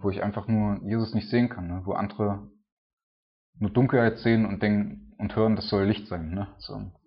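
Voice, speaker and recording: Low-voiced man preaching casually. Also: muffled recording. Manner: informal, tags nearly every sentence with a questioning "ne?". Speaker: preacher and church planter.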